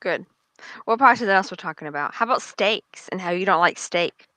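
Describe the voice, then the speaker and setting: Playful female co-host with a country accent, bright and dry. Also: mid-range voice, lively intonation, normal speed, no echo, low-quality recording. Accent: American country. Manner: teasing, playful. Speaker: podcast co-host. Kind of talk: casual chat.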